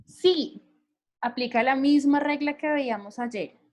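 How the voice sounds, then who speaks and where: In a recorded grammar lesson delivered in Spanish, a high-pitched woman walks through English grammar rules at a measured pace. She's patient and keeps checking her students' understanding with frequent questions.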